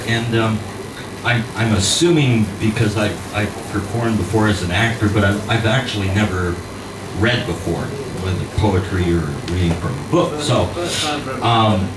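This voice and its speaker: In a cabaret bar, a man who acts professionally reads fiction aloud to a live crowd, his voice on the low side. At first he chats slowly and hesitantly, putting himself down, then moves into a measured, wry, dry reading. The sound is distant and roomy, with a noisy background of bar ambience.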